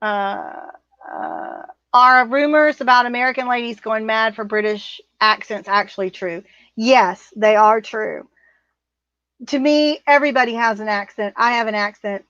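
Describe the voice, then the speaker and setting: A woman's voice: on the high side, measured pace, a bit bright, dry recording. A middle-aged woman co-hosting a livestream, reading viewer comments in a blunt, rambling casual chat. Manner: blunt, rambling, laughs often. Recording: muffled, dry sound.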